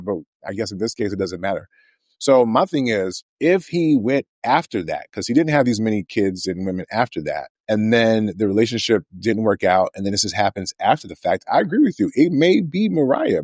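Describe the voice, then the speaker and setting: A man's voice: on the low side, darkish tone, no echo. A man in his forties co-hosting a casual podcast chat, thinking aloud in a hesitant, reflective way. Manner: musing, hesitant, reflective, with filler pauses and restarts. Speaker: podcast co-host.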